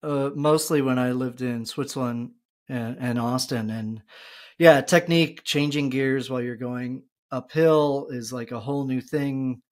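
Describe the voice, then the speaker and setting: Man, podcast host, mid pitch, casual, filler-heavy questions. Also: steady tone, a little slow. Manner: asks long questions with many fillers. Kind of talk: casual interview chat.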